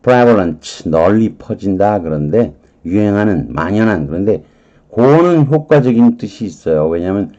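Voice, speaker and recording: A man teaching English vocabulary and grammar in an online lecture, reading words aloud and explaining each one deliberately. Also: lowish voice, animated, warm tone, lo-fi sound. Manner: slow, deliberate, reads English words aloud then glosses them.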